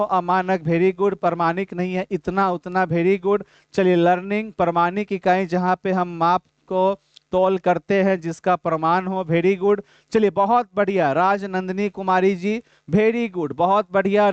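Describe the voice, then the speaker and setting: A male teacher with a high, clear voice runs a live online exam-prep class. He asks his viewers questions, answers them himself and calls out their names as replies come in. The sound is dry and a little dull. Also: no echo.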